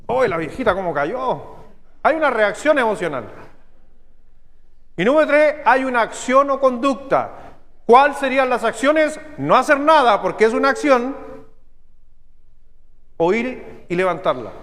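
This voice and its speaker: A man with a Chilean accent preaching a sermon as pastor, teaching step by step and checking in with his listeners through quick questions. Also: very high-pitched, big pitch swings, a bit bright, big-room sound. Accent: Chilean Spanish. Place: church sanctuary.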